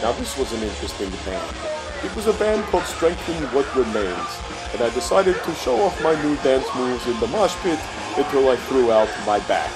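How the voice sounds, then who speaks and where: A man's voice: mid-range voice, very animated, normal speed, poor audio. An older man giving comic narration over videos in a grumpy, folksy, complaining way with dry exaggeration. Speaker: comic commentator. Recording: music behind the voice.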